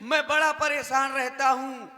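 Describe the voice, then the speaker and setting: A man's voice: very high-pitched, steady tone, unhurried, bright, forceful tone, in a large hall. A male stage comedian, telling a comic story that breaks into a sung lament. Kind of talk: Ramlila stage comedy with song. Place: outdoor Ramlila stage.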